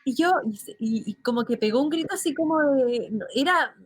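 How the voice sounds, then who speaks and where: A Chilean woman hosting a radio show, telling anecdotes in a lively, casual way. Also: high-pitched, a little fast, husky, no echo. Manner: lively storyteller, animated retelling. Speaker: radio host.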